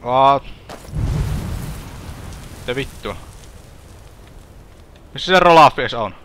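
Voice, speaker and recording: A man's voice: mid-range voice, expressive, a bit bright, a little hiss or hum. A man commenting on his own gameplay in a let's play, swearing and joking, often parroting the game's lines. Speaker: gaming streamer.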